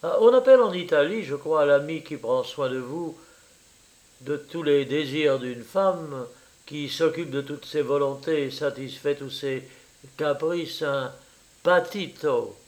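Male narrator for a classic story reading, slow and wry. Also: fairly high pitch.

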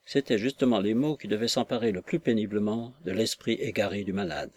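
Steady male audiobook narrator. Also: on the low side, brisk. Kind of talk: scripted narration of a novel.

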